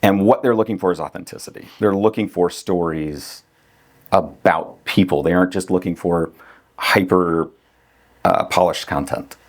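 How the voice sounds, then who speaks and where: A man's voice: low voice, normal speed. A middle-aged man, a real estate agent, talking casually as a podcast guest, with lots of fillers and frequent laughs. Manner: conversational, laughs often, many fillers.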